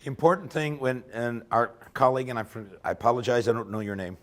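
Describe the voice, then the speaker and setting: A man with a medium-pitched voice talks fast, giving an informal technical lecture at a workshop in a lecture room while losing his voice. His manner is conversational, and he often ends points by checking in with "okay?"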